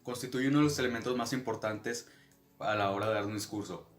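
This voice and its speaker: A man's voice: fairly low pitch, brisk, faint music behind. A man opening a class presentation, reading out a definition. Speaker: student presenter. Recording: echoey room.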